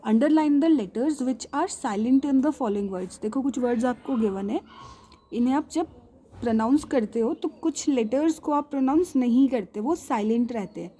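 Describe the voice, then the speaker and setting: A woman with an Indian English accent teaching a children's English lesson, patiently asking and answering her own questions and repeating words slowly. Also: a little high, dark tone. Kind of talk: explaining a primary English lesson.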